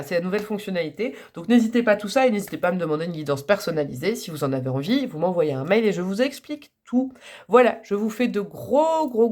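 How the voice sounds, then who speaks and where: Chatty woman reading tarot. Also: lowish voice. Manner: chatty, warm-hearted, rambling with many fillers and laughs. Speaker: tarot card reader. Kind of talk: casual tarot reading to camera.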